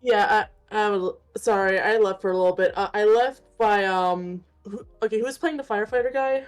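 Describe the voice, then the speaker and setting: A woman's voice: medium pitch, moderate pace, clean tone, faint music behind. A woman joining a stream chat, speaking in a hesitant, apologetic way. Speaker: guest in a reading collab. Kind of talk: casual chat.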